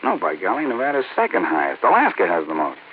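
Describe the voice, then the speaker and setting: An actor playing a gruff, grumbling middle-aged husband in an old radio skit, with a gravelly voice. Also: male voice, mid-range voice, wildly swooping pitch, quick pace. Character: blustery middle-aged male husband, a sergeant. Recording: scratchy lo-fi old radio broadcast.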